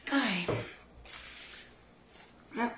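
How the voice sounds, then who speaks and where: Speaking very slowly with a fairly bright tone, this Beauce-born Québécoise chats through a cooking demo in her home kitchen, thinking aloud in colloquial Québécois speech. The room echoes and there's slight background noise.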